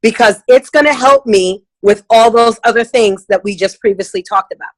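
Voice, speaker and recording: Middle-aged woman, sales trainer, slightly high voice, chatty and emphatic, casual teaching talk. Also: moderate pace, low-quality recording.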